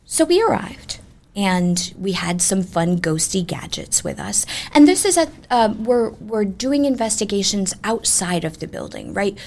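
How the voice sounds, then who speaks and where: Creaky-voiced woman telling ghost stories. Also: mid-range voice, measured pace. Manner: animated, chatty, emphatic. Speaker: ghost tour guide, interview guest. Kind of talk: conversational ghost storytelling.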